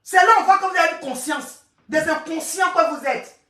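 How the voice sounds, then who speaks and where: Recorded from a distance in an echoey room, a woman coach rants angrily on a live stream, scolding with lots of repetition and stammered restarts. Her voice is very high and fairly bright, and she talks at a normal speed.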